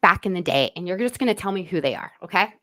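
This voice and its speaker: A woman hosting a casual trivia game over a video call, lively, laughing often and singing snippets of song lyrics. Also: fairly low pitch, quick pace. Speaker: quiz host.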